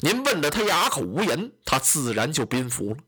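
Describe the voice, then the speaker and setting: A man's voice: on the high side, big pitch swings, moderate pace, pushed and bright, husky, voice pushed down, heavily acted. A man doing a mild, placating adviser.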